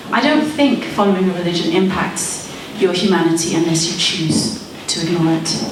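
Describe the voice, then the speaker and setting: With a lowish voice, a woman in her thirties from Malawi, raised in Zimbabwe, gives an earnest, persuasive debate speech featuring wry asides. She's recorded from a distance in a very echoey hall, with noise in the background.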